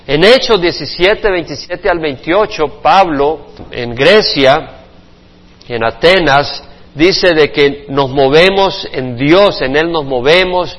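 A man's voice: a little high, lo-fi sound. Earnest male pastor preaching in a hall. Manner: earnest preaching with rhetorical questions, swinging from emphatic to hushed. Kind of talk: Bible study sermon.

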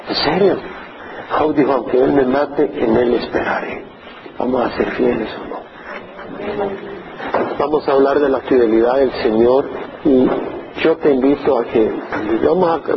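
A man's voice: mid-range voice, vocal fry, dull audio, noisy background. A male pastor preaching a sermon in an earnest, urging way, building his points through repeated phrases.

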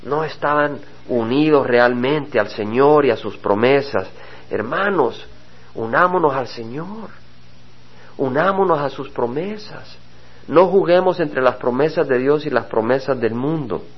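A man preaching a sermon as a pastor, earnest, rising on his questions and dropping low and quiet on solemn lines. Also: a little slow, husky. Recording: dull lo-fi sermon recording.

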